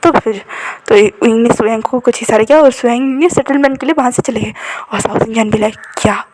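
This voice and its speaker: A woman's voice: a little high, a little fast, a little mellow. A woman casually retelling a fan-fiction story in a chatty, conversational way. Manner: chatty, addresses listeners as "bhai".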